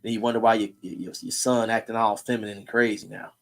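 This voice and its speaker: A man's voice: lowish voice, fairly even intonation, quick pace, fairly bright tone. A man hosting a casual streamed talk, blunt and preachy, in heated street slang. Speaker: host.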